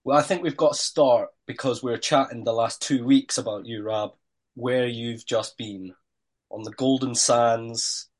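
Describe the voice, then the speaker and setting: A Scottish man hosts a sports podcast in a conversational way. His voice is a little croaky and hoarse, sitting at a middling pitch. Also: steady tone, measured pace. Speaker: podcast host. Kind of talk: casual sports podcast chat.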